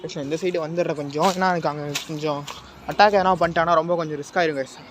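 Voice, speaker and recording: A man's voice: on the high side, steady tone, rapid-fire, a little hiss or hum. A man vlogging a night-time ghost hunt, tense and fearful, calling out to unseen spirits as he films. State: nervous and jittery.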